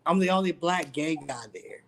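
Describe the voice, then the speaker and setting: A man with a slightly high voice speaks as a guest on a panel discussion. He explains his view in a calm, measured way and backs it up with examples. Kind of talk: casual panel talk.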